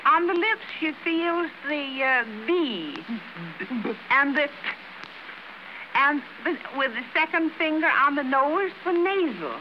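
A woman's voice: high-pitched, lively intonation, highs cut off. Woman teacher on an old, hissy recording. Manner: slow, careful explaining. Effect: old archival recording. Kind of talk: demonstrating a lesson.

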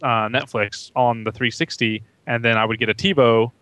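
A man's voice: medium pitch, steady tone, normal speed, a bit bright, no echo. Chatty joking podcast guy. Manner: jokey, chatty, laughs mid-sentence. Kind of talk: casual podcast chat.

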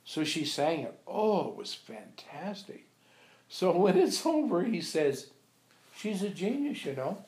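His voice is high-pitched and darkish, very animated yet at a measured pace. An older monk and abbot, he informally shares anecdotes about his teacher with a small group, acting out the dialogue he quotes, in an echoey room with a few visitors.

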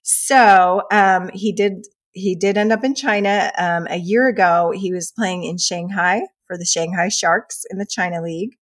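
A woman's voice: lowish voice, fairly even intonation, measured pace, hardly any pauses. A woman co-hosting a casual news chat podcast, upbeat and chatty as she recaps a story. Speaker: podcast co-host.

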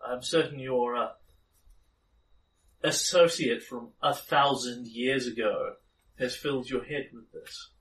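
A man voicing a haughty, disdainful noblewoman, proud of her lineage, in formal, measured, condescending phrases. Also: medium pitch, fairly bright tone. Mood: scornful. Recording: distant mic, faint room noise.

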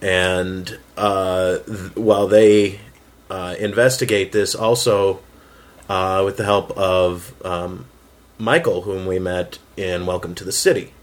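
A fiction writer on a relaxed round-table panel talks casually about his writing in a fairly low voice. He often halts and hesitates while choosing his words.

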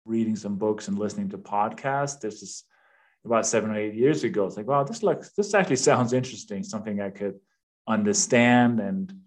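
A Danish man in his fifties, a real estate investor, speaks informally as a podcast guest in a casual interview chat. He has a Danish accent and a fairly low, expressive voice, talking a little fast in a conversational way.

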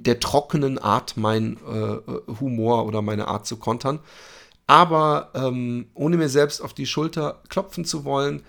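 Man, solo podcast host, gravelly voice, middle pitch, candid, halting with lots of fillers. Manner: hesitant, many fillers and restarts; candid, openly emotional.

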